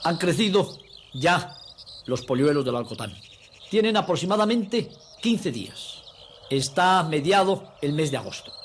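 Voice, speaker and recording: A man's voice: a little high, very animated, measured pace, slight background noise. A man narrating a nature documentary in an emphatic, didactic, scripted way, addressing viewers as friends.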